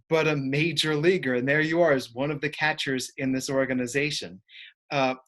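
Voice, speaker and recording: A man interviewing a guest for a baseball team, asking clear, upbeat questions. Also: a little high, fairly bright tone.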